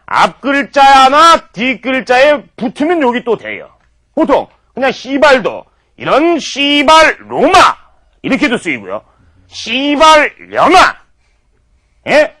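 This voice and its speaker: A man's voice: very high voice, sharp tone. A man giving a mock-formal comedy lecture, peppered with profanity.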